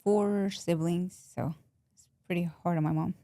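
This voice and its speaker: Woman from Texas, interview guest, low flat gravelly voice, soft-spoken plain answers. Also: moderate pace, dry recording, clean studio sound. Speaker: podcast guest.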